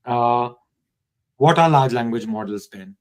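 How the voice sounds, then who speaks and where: A man's voice: mid-range voice, expressive, a little slow, a little mellow, clean tone, poor audio. A man hosting a live online session, welcoming viewers and reading out their comments over a video call. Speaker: live-stream host.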